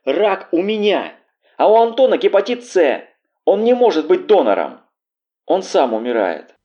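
A man reading aloud voicing a desperate middle-aged mother who pleads and then bursts into furious shouting. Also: mid-range voice, very animated, measured pace, muffled recording.

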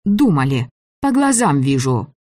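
A man voicing a stubborn, quick-tempered young woman who studies magic, in an audiobook read with a dry sound. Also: a little high, big pitch swings, a little mellow, no room sound. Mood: defiant.

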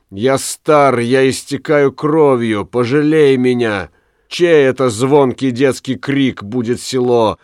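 A man's voice: medium pitch, no room sound, studio quality, natural voice. A man voicing a desperate old man caught as a werewolf, begging shrilly for mercy in a storybook reading. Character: old male fishmonger caught as werewolf, pleading.

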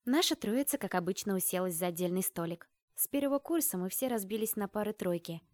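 A woman narrates a first-person fantasy audiobook in a wry, conversational tone. Her voice sits at an ordinary middle pitch. The recording is dry and close to the mic. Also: expressive, a little fast, darkish tone, no room sound.

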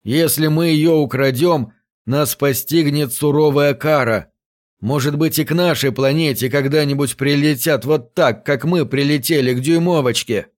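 A man's voice: fairly high pitch, moderate pace, close to an everyday voice. A man voicing an earnest, conscience-stricken male astronaut who pleads with his crew in an audiobook. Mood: pleading.

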